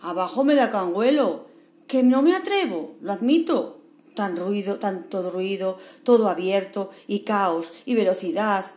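A woman's voice: lively intonation, unhurried, a little mellow, echoey room, close to an everyday voice. A woman voicing a timid young male koala who clings to safety and talks in a nervous, fretful way. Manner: nervous, fretful, higher put-on voice.

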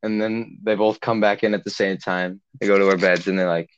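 Chatting on a podcast he co-hosts, a young man rambles through a lengthy camp tale, leaning heavily on "like" and performing the quotes in character. He speaks fairly fast in a low voice with a clean tone and little pitch movement, though the recording itself sounds somewhat dull and lo-fi.

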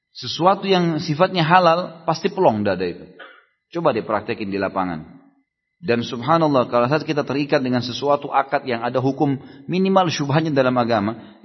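Husky guy preaching at a study gathering, chatty, acts out back-and-forths, echoey hall, kinda dull lo-fi sound. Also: medium pitch. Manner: conversational, acts out dialogues, rhetorical questions. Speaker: Islamic preacher answering questions. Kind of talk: sermon Q&A at a religious study gathering.

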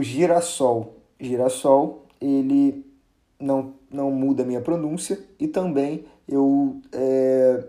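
A man teaching a casual grammar lesson, chatty and relaxed, with many fillers and restarts, drawing out example words for emphasis. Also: medium pitch.

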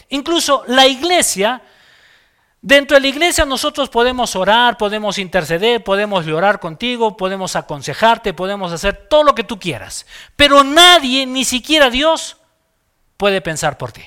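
A man's voice: high-pitched, sharp tone. A man preaching a sermon as pastor, emphatic and acting out little dialogues.

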